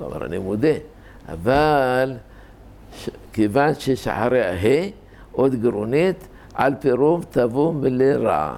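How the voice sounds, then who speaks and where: Older guy, gravelly voice, teaching torah grammar, rambles into stories. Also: mid-range voice, darkish tone. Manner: explanatory, digresses into anecdotes. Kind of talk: informal Torah lesson.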